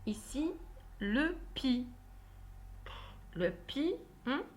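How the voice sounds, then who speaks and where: Woman teacher going over reading exercises, talks real slow and careful, says everything twice. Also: sits high, sing-song, slight background noise. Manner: slow, clearly articulated, repeats instructions. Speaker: primary school teacher. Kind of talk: reading lesson walkthrough.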